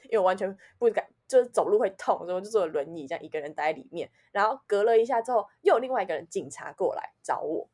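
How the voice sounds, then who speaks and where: Speaking quickly with a Taiwanese Mandarin accent, this woman co-hosts a podcast and shares a personal story casually. Her delivery is lively, lurching from loud outbursts down to low mutters.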